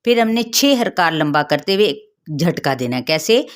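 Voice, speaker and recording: A woman teaching a Quran recitation lesson, explaining each rule step by step, checking that listeners follow and slowly chanting the verses. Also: deep voice, sing-song. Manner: slow drawn-out chanting of verses. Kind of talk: tajweed lesson.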